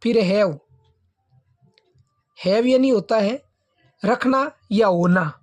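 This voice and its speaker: Slow, patient woman spelling out English words. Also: medium pitch, a little mellow. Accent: Indian English. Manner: spells words letter by letter, then says them. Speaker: English teacher.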